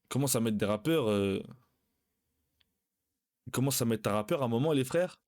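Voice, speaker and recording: A young man telling a personal anecdote on a live stream in a casual, slangy, animated way, often calling his listeners brothers. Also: mid-range voice, moderate pace.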